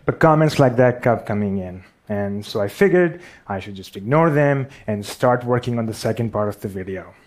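A man's voice: lowish voice, animated, moderate pace, hardly any pauses, a little mellow. A man with a Pakistani accent giving a storytelling talk on stage, wry and self-deprecating.

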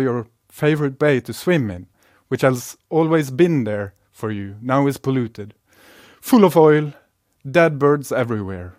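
Calm Norwegian man, dry sound. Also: medium pitch, no room sound. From Norway. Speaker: speaker giving a talk. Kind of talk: prepared talk.

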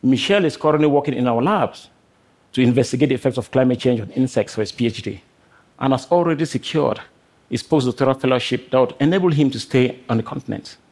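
A middle-aged man from Cameroon, a scientist giving a prepared talk on stage, speaking earnestly in short measured phrases. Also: medium pitch, a little mellow. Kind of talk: prepared talk to a live audience.

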